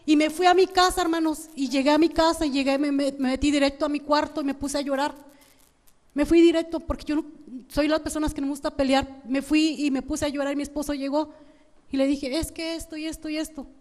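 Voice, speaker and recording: A woman's voice: high voice, flat delivery, a little fast, a little mellow. A Mexican woman pastor preaching a sermon in Mexican Spanish, repeating "brothers" to the congregation and often restarting her phrases. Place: church hall. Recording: long reverb of a church hall.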